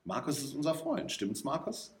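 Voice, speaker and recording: A man's voice: mid-range voice, very animated, moderate pace, voice pushed up, close to an everyday voice. A man voicing a bold, teasing teenage girl in a read-aloud story, in a raised playful voice. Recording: roomy echo.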